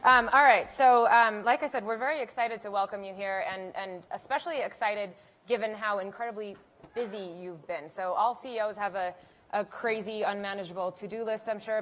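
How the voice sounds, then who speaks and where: A woman's voice: mid-range voice, fairly bright tone. A young woman moderating a stage interview in an upbeat, chatty way. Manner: chatty, upbeat, many fillers and restarts.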